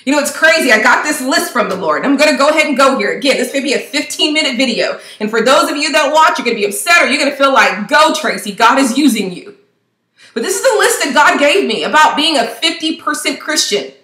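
A woman's voice: sits high, expressive, fast talker, few pauses, bright, forceful tone, reverberant. A woman giving an impassioned devotional talk to camera, preaching fervently and firing off rhetorical questions.

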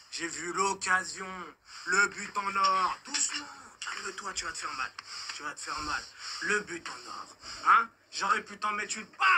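A man's voice: sits high, heavily acted. A man playing a sneering sadistic concierge. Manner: taunting, swings from soft coaxing menace to shouting. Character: menacing sadistic bigoted male concierge. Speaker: racist concierge attacking a man.

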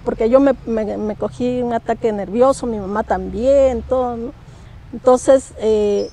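A middle-aged woman from Peru, appearing as a guest storyteller, shares a personal ghost story as paranormal testimony. She is emotional and hesitant, often repeating her words, in a fairly high, warm voice.

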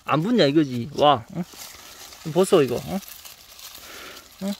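Man with a Gyeongsang accent, higher-pitched, crop consultant who quizzes and teases farmers outdoors. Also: animated, a little slow, slightly rough. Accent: Gyeongsang Korean. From Gyeongsang region, Korea. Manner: questioning, teasing, coaching tone. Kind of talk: field consulting talk. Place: outdoors in a farm greenhouse.

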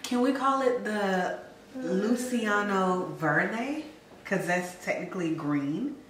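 Thirties woman, slow, animated, chatty vlog host, roomy kitchen with soft music. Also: recorded from a distance, a little hiss or hum. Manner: chatty and playful, lively pitch. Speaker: co-host cooking. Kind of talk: casual cooking vlog chat. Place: home kitchen, indoors. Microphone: camera mic from a few feet away.

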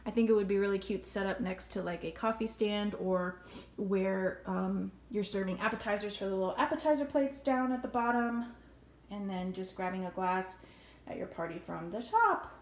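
A woman's voice: medium pitch, normal speed, reverberant. A woman vlogger casually showing her home decorations, chatty and upbeat, listing where she bought each item and what it cost. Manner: chatty, upbeat, lists prices and stores. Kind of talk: casual show-and-tell narration. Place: indoor room at home.

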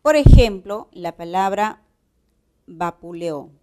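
Peruvian woman teacher, slow and deliberate, explains step by step with quick check-ins. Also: medium pitch, expressive, dark tone. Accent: Peruvian Spanish. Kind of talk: grammar lesson.

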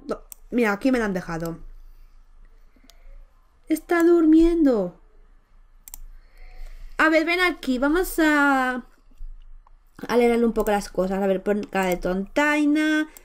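A woman from giving chatty, affectionate gameplay commentary as a Let's Play host, cooing over a baby character with many exclamations. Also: high voice.

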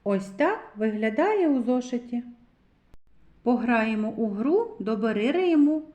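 Woman as kindergarten teacher, slow and sing-song, a bit high. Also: big pitch swings. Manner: sing-song, bright with children's rhymes, deliberate and patient. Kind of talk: slow, clearly articulated preschool literacy lesson.

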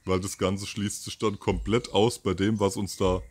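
Delivery here is flat and moderately paced, with a fairly low, slightly rough voice. The speaker, a man in his fifties, hosts a casual solo commentary by a garden outdoors, using a furry windscreen mic near the camera and rambling with many fillers and self-corrections.

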